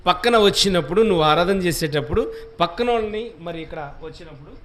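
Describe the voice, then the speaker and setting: A man's voice: high voice, animated, fast, fairly bright tone. A man with a Telugu accent preaching a sermon in a church hall, exhorting and questioning his congregation. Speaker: pastor.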